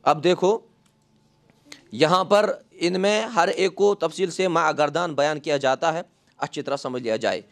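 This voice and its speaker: A man with a fairly high-pitched voice teaches a grammar lesson in a classroom, asking his class questions and answering them himself. He says each Arabic example slowly before translating it.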